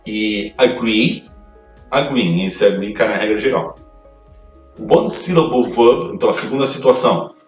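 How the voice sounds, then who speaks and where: A man's voice: fairly low pitch, measured pace, far from the mic. A man teaching an English grammar lesson, reading rules aloud and explaining them step by step. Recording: echoey room, voice off-mic, faint music.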